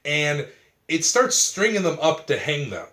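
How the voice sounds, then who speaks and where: A man's voice: on the high side, sing-song, unhurried, pushed and bright. A man in a casual film review chat, retelling scenes with laughter and swearing freely.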